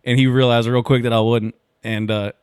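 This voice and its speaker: A young man co-hosting a casual podcast, talking loose and slangy at an ordinary pitch. He jokes around easily. The sound is dry and close, with no room around it. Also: flat delivery, darkish tone, clear, resonant tone, no echo. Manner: loose, joking, slangy, does quick impressions. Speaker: podcast co-host. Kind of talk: casual chat.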